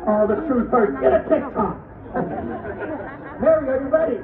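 A man's voice: extremely high pitch, normal speed. A man performing comedic live stage patter, projecting cheeky banter to volunteers and audience at an outdoor show. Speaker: street performer, unicycle stunt comedian. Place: outdoor wooden stage in woods at a fair. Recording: distant, tinny, echoey crowd phone video. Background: noisy outdoor audience.

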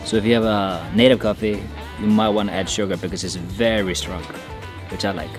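A young man vlogging with a handheld camera outdoors, talking in a chatty, excitable way and laughing often. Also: on the low side, brisk, music in the background. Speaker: travel vlogger. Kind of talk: casual travel vlog narration. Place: outdoors in rural hills and an open-air bamboo restaurant. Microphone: handheld action camera at arm's length.

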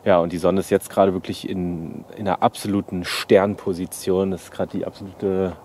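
A young man in his twenties vlogging outdoors on an abandoned airfield at sunset, hurried and excited. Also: deep voice, slight background noise. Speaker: urban explorer vlogger. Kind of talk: casual vlog talk outdoors.

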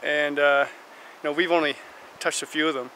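A middle-aged man with a fairly high voice talks at a normal pace over a noisy background. He's a camping vlogger holding a camera at arm's length, first telling a rambling bedtime story inside a tent at night, then commenting on a hiking trail outdoors. He chuckles, wanders off on tangents, and tells it all with animated, casual energy.

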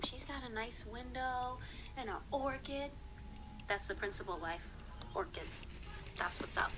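A woman in her thirties chatting casually and excitably with viewers on a phone livestream from a small dressing room. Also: mid-range voice. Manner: excitable, chatty, reacting to comments. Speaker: stage performer livestreaming backstage. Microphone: phone at arm's length. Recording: noisy phone livestream audio.

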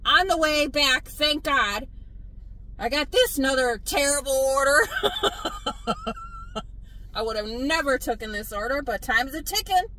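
A woman, a delivery driver vlogging from her car, blunt and animated as she tells her stories. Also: high-pitched, a little slow, pauses often, rough recording. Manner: exasperated, blunt, animated storytelling. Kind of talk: casual vlog venting to viewers.

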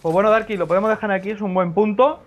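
A young man chatting rapidly with a friend during a co-op game and fussing about audio levels. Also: sits high, fairly even intonation, dull audio. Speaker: gameplay co-host. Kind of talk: casual co-op gameplay chat.

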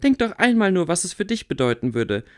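A man reading aloud, voicing a stubborn, quick-tempered young witch girl in a raised voice. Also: sing-song. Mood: frustrated. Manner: pleading, raised pitch.

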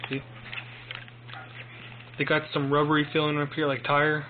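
A young man giving a casual, rambling product review in a phone video, halting and informal, recorded on a handheld phone in a room at home. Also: on the high side, monotone. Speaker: amateur headphone reviewer. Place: small domestic room, indoors. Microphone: handheld phone mic. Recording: tinny phone recording with clear noise.

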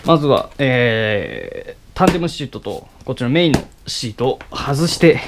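This motovlogger, a young man, narrates casual how-to commentary as he works on his bike in a messy garage, recorded through a head-mounted action camera. He speaks haltingly with lots of fillers and mutters mid-task. His mid-range voice has lively intonation, and there's background noise.

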